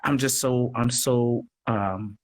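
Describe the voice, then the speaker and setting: On a noisy livestream call, a radio play producer appears as an interview guest, talking casually, earnestly and effusively while often circling back over his phrases. His mid-range voice holds a steady tone at a slow pace.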